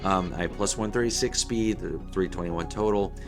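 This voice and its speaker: Low-pitched hoarse man talking through a game. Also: normal speed, over music. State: hoarse, losing his voice. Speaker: gaming video host. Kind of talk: casual game commentary. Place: small room indoors at a desk.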